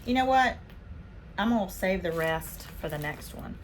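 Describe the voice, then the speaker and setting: A woman from Spain hosting a casual haul vlog, chatting excitedly as she unboxes her purchases. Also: fairly low pitch, moderate pace, slight background noise. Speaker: vlog host.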